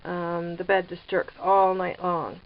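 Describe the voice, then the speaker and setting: A woman giving rambling, hesitant, casual vlog commentary from inside a small trailer, pausing mid-sentence. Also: on the low side, little pitch movement, creaky. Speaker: vlogger living off grid in a trailer. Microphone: handheld camera microphone. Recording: dull lo-fi camera audio, background noise.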